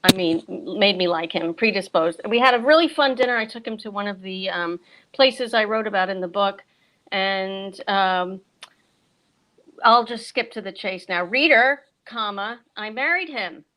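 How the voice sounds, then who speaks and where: Speaking a little slowly at medium pitch, this middle-aged American woman sounds bright and forceful. She's a bookseller and author appearing as a guest at a virtual event, telling things chattily and dropping in casual asides.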